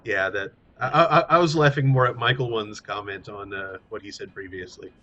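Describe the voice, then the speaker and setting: A man's voice: fairly low pitch, normal speed, bright, forceful tone, highs cut off. A middle-aged man chatting casually on a live game stream.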